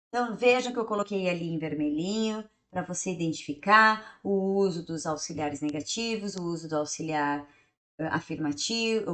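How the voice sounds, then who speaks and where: A woman whose first language is Portuguese, teaching an English grammar lesson, reading English examples slowly and then translating them. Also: medium pitch, fairly bright tone, reverberant.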